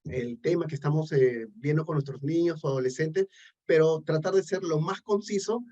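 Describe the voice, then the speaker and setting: A man's voice: a little high, moderate pace, mellow. A man moderating an online talk, speaking hesitantly with many fillers. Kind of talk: webinar moderation. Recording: muffled lo-fi audio.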